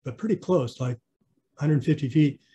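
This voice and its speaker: A man's voice: on the high side, normal speed, warm tone, slightly rough, lo-fi sound. A man giving a casual online slideshow clinic about his model railroad, rambling with fillers and restarts. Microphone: video call.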